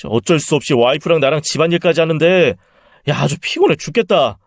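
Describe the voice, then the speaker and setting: A scheming, spiteful son-in-law, voiced by a man, talks with open contempt. His voice sits a little high and is recorded dry. He turns defensive and stammering when caught. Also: fairly quick, no room sound. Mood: sneering. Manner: contemptuous, then flustered and pleading.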